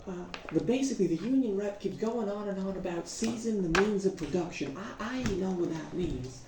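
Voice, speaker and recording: A woman's voice: medium pitch, animated, fairly quick, a crowd in the background. Woman doing a folksy drawling union miner. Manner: folksy put-on drawl with many fillers and restarts. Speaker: tabletop game player. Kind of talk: in-character speech at a tabletop game. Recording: echoey room, distant mic, noisy.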